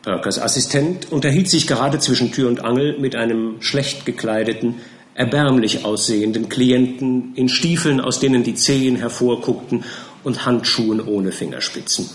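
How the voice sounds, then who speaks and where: A man narrating an audiobook in a measured, theatrical reading. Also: mid-range voice. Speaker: audiobook reader. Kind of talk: scripted narration. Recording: roomy echo.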